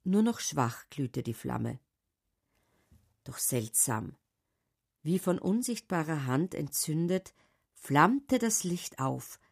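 A woman narrating a storybook with a low, deep voice and slow, unhurried pacing. Her reading is calm and measured, a steady storyteller carrying the tale along. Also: creaky, husky.

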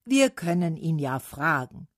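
A gruff male spirit of autumn, put on by a woman reading a storybook, grumbles his lines at an unhurried crawl. His voice sits low and rises and falls with feeling. It sounds close and dry, with no room around it. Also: sing-song, no echo, full character voice. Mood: grumbling. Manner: slow, grumbling.

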